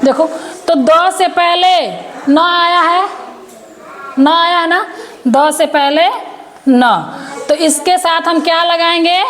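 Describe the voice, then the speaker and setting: A woman's voice: extremely high pitch, fairly even intonation, slow pace, long pauses, fairly bright tone. A woman teaching a grammar lesson to children, patiently repeating words and asking them questions.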